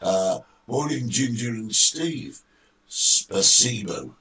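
A man hosting a casual chat show, hoarse and croaky, greeting viewers by name in a lively, bantering way. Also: mid-range voice, moderate pace, distant mic. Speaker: talk show host.

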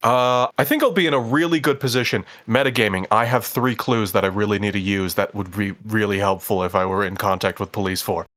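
A man's voice: lowish voice, fairly quick, hardly any pauses, fairly bright tone. A man playing a tabletop game, casually rambling through a plan with lots of filler words. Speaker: player. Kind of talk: casual tabletop play chat.

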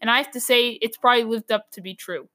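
Woman, sports podcast host, hoarse voice, opinionated rant, slightly high pitch. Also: quick pace, pushed and bright. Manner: opinionated ranting, frustrated. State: hoarse, losing her voice. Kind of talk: solo sports talk podcast.

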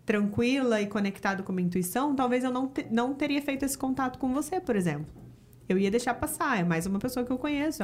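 A woman from Rio de Janeiro with a Carioca accent, talking reflectively as a podcast guest in a casual interview. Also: medium pitch. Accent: Carioca Portuguese. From Rio de Janeiro, Brazil. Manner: reflective, talks about spirituality with many fillers.

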